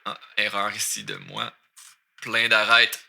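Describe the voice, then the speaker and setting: A man's voice: lowish voice, flat delivery, vocal fry, bright, forceful tone. A man with a Québécois accent teaching French, explaining lyrics line by line and switching between French and English. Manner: mixes French and English, repeats words slowly.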